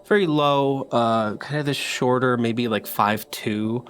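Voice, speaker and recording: A man's voice: mid-range voice, takes it slowly, a little hiss or hum. A man narrating a tabletop game as game master, describing scenes with many fillers.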